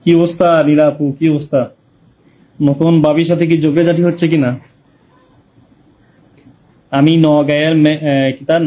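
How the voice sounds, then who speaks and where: A man's voice: fairly high pitch, warm tone, lo-fi sound. A man with a Sylheti Bengali accent chatting casually on a live stream, reading viewers' comments and greeting them by name.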